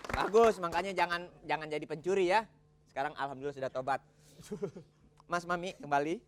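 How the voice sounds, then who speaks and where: High-voiced bantering quiz host man. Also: brisk, a faint crowd, slight background noise. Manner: bantering, laughs often. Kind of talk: comedy quiz hosting. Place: TV studio with audience.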